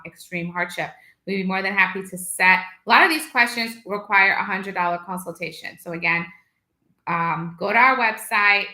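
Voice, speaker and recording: Brisk, bright-voiced woman lawyer, echoey room. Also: medium pitch. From Guyana. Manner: brisk, repeats phone numbers slowly and emphatically. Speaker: immigration lawyer hosting a live Q&A. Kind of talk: live-stream Q&A, answering viewer questions. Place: her office. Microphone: video call setup.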